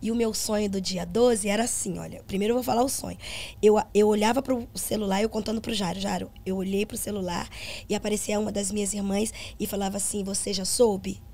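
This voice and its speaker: A woman's voice: mid-range voice, fairly even intonation, a little fast, dark tone. A middle-aged woman, a gospel singer and pastor, telling a personal testimony on a podcast in an earnest storytelling manner and acting out the dialogue.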